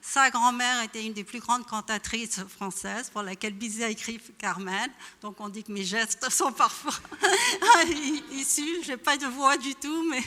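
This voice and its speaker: A woman from Iran speaks at a public panel, pausing often and restarting her sentences. Her voice is high and bright, and it rings out with a long echo in a large hall. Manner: hesitant, many fillers and restarts. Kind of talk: spontaneous public talk. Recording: echoey hall.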